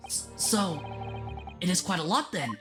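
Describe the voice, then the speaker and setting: A woman's voice: fairly low pitch, lively intonation, unhurried, music in the background. A woman voicing an earnest, hesitant young male anime protagonist in a polite boyish voice. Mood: puzzled, hesitant. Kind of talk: reading visual novel dialogue aloud.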